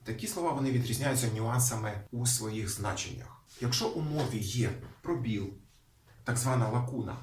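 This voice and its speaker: A man presenting a lesson on language history, explaining calmly and turning to the viewers with rhetorical questions. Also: medium pitch, a little hiss or hum. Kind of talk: educational explanation. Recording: echoey room, voice a bit far from mic.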